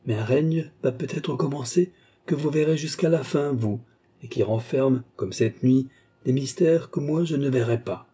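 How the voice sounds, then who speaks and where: A man reading the part of a solemn old philosopher who speaks in grave, measured prophecy. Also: medium pitch, dark tone, slightly rough, natural voice.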